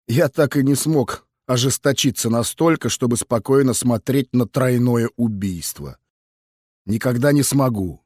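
A man reads a first-person audiobook in a wry, matter-of-fact way. His voice sits at a middle pitch, and the recording is close and dry with no room sound. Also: a little mellow, dry recording. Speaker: audiobook narrator.

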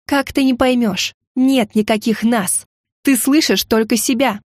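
A woman's voice: fairly high pitch, unhurried, no echo, studio quality. A woman voicing a stubborn, hot-tempered young heroine who talks indignantly and shrilly.

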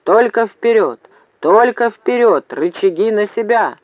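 An eager young soldier blurts things out, excited and a little breathless, as a male reader puts him on. The voice is lifted above the reader's own. The recording is dry and slightly dull. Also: high-pitched, a little slow, no echo, pitched above the performer's own voice.

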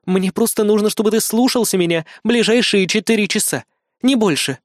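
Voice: mid-range voice, brisk, dry recording, clean studio sound, voice pushed up, natural voice. A reader voicing a tough young female agent in an audiobook, curt and commanding, with a mocking edge. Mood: stern, sarcastic. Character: tough young woman agent, stern and sarcastic.

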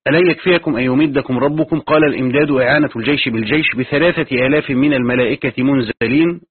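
Guy reading and explaining a tafsir text, quick, husky, tinny lo-fi sound. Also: mid-range voice, dry recording. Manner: reads the text aloud, then adds his own explanations. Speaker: sheikh teaching Quran commentary. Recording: tinny phone-like lo-fi recording.

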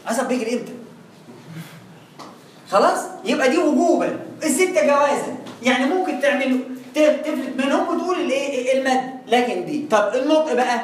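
Brief: egyptian male teacher, rapid delivery, echoey room, playful back-and-forth. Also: very high voice, slight background noise. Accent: Egyptian Arabic. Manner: lively, acts out back-and-forth dialogues, teasing. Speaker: Quran recitation teacher. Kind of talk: informal tajweed lesson.

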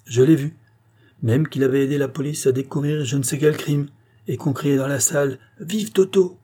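A man voicing a flattered, excitable chambermaid who gossips eagerly in an audiobook. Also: a little high, moderate pace, slightly rough, voice pushed up. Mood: excited.

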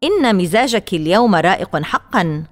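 A woman voicing a cheerful mother who speaks in a calm, matter-of-fact way in a storybook. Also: mid-range voice, a little fast, lightly acted. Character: cheerful mother who gives daily weather reports.

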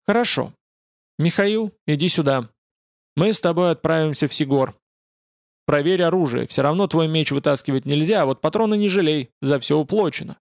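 A man's voice: on the high side, normal speed, gravelly, no echo, clean studio sound. A man playing a sardonic fallen angel. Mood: commanding.

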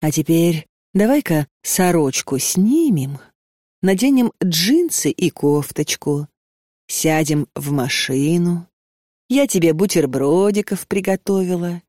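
A reader doing a soft-spoken soothing old grandmother. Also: on the low side, lively intonation, takes it slowly, no echo, studio quality. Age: older. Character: small wiry old grandmother, gentle and soothing.

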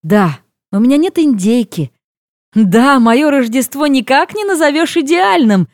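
Animated woman reading a novel aloud. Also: high voice, measured pace, no room sound, studio quality. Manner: lively, expressive, acts out exclamations. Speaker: audiobook narrator. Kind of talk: first-person novel narration.

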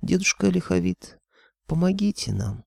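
A man's voice: sits high, big pitch swings, normal speed, vocal fry, dry recording, studio quality, pitched above the performer's own voice, heavily acted. Man doing a coaxing young woman. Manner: coaxing, pleading.

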